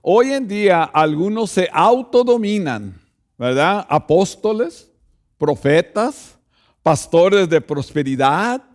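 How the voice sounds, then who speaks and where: A man's voice: high voice, sing-song, takes it slowly. A man, a pastor, preaching a sermon and speaking directly to the congregation, often checking in with rhetorical asides.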